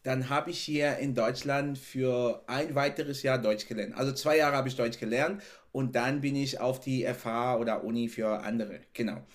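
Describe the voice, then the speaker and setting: A Cameroonian man, not a native German speaker, appears as a podcast guest in a relaxed interview. His mid-range voice moves at a moderate pace, and he's animated, laughing often and repeating "genau" and "ne."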